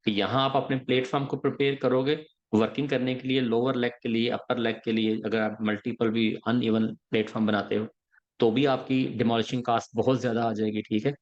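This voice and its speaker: A man's voice: medium pitch, little pitch movement, brisk. Man coaching step by step, lo-fi. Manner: explains step by step, often checking in with "ठीक है?". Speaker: engineering interview coach. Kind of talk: explanatory podcast lesson.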